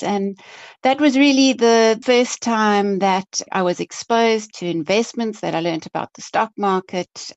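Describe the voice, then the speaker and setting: Woman answering interview questions, chatty, medium pitch, a bit muffled lo-fi audio. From South Africa. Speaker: guest, chief investment officer.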